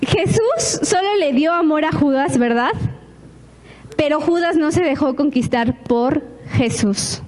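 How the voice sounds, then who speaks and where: A woman pastor, preaching a lively sermon to her congregation with frequent rhetorical questions. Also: sits high, unhurried.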